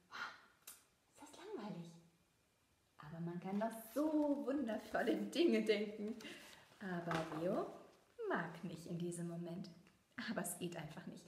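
A woman reading a picture book aloud to children, lively and chatty, showing them the pictures. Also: medium pitch, reverberant. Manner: lively, talks directly to children. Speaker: storybook reader.

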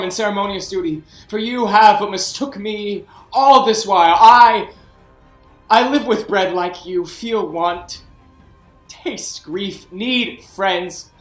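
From home over a video call, a high-pitched actor reads Shakespeare verse as a proud young king in grief, shifting from hushed brooding to anguished outbursts. The audio has a roomy echo and faint music.

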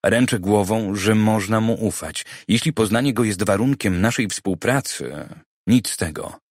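A man voicing a cautious, clever private detective who talks in a measured, persuasive way, in an audiobook. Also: fairly low pitch, no echo, clean studio sound, lightly acted.

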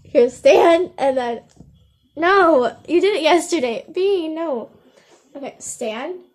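A woman's voice: high-pitched, lively intonation, takes it slowly. A teenage girl chatting casually in a vlog, slipping into baby talk with her puppy. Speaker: vlogger.

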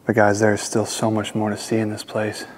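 Low-voiced young man touring a mansion. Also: fairly quick. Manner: excited, addresses viewers as guys. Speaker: urban explorer vlogger. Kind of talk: casual walkthrough narration. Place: large empty mansion indoors.

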